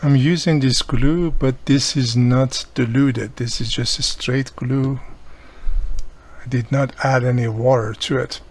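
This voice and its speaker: Speaking a little slowly in a mid-range voice with fairly even intonation, a hobbyist who is not a native English speaker presents a tutorial on radio repair. He goes through the hands-on work step by step, unscripted, often pausing to check in with the viewer.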